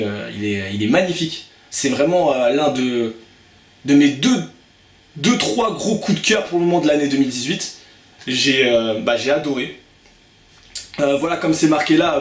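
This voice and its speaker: A man of middle pitch talks through his film picks in a loose, unscripted way, stumbling over words and padding with fillers as he goes. His voice carries a noticeable echo from the room around him. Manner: hesitant, many fillers and restarts. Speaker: film reviewer. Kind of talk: casual video review.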